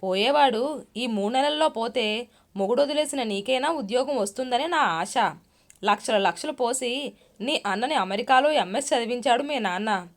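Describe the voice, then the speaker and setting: A woman's voice: fairly high pitch, normal speed, pitched above the performer's own voice, natural voice. Storybook role: shrewish middle-aged mother, harsh and scolding, read by a woman narrator. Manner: harsh, cursing, shouting.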